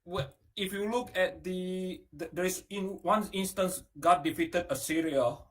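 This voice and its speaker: A man's voice: high-pitched, measured pace, a bit bright. Stammering man arguing scripture. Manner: stammering, repeats words while arguing. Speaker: caller. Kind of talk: casual debate chat.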